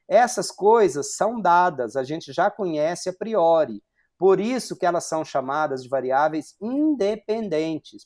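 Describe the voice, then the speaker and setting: A man in his forties from Brazil teaches a university class online, talking to the whiteboard as he works through it. His voice sits a little high for a man, and he keeps checking in with rhetorical questions and short fillers. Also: darkish tone. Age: 40s. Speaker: university lecturer.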